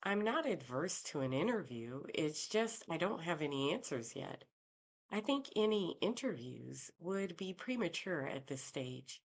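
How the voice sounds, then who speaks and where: A woman's voice: low-pitched, very animated, moderate pace, few pauses. A woman voicing a cautious, guarded female private investigator in an audiobook. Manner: careful and guarded.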